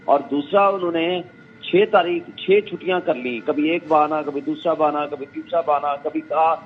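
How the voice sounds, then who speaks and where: A man speaking as a guest lawyer on a phone-in interview, making measured arguments and quoting others. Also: fairly high pitch, fairly even intonation, a little hiss or hum. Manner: measured legal arguing, quotes others. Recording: tinny phone line with faint music.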